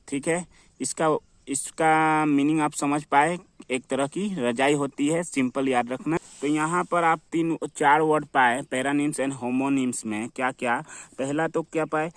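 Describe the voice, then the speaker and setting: Male teacher, slightly high voice, dry close recording, drills words with self-answered questions. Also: dry recording. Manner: repetitive, asks and answers his own questions. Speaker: English teacher. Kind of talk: classroom-style vocabulary lesson.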